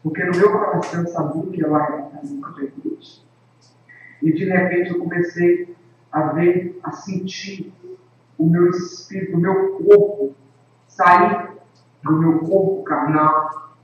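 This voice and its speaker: A man's voice: sits high, steady tone, unhurried, slight background noise. Solemn man in an echoey room. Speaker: evangelist and worship leader. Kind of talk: earnest personal testimony to camera. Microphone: camera microphone. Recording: echoey, distant, dull lo-fi with faint ambience.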